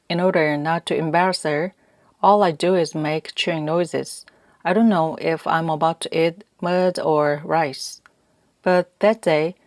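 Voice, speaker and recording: Woman audiobook narrator, low register, calm measured first-person reading, dry studio mic. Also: no echo.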